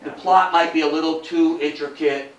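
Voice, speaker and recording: Speaking at normal speed in a steady tone, an older lecturer with a voice on the high side gives a folksy, chatty history talk to an indoor audience and poses rhetorical questions. Room echo from a distant mic and faint noise color the recording.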